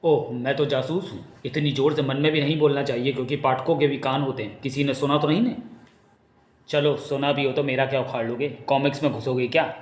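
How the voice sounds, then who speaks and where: A man's voice: mid-range voice, fairly even intonation, a little fast, lightly acted. A man voicing a scheming male spy who gloats to himself over his plot. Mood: gloating. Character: scheming male court spy, sneaky villain. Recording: echoey room.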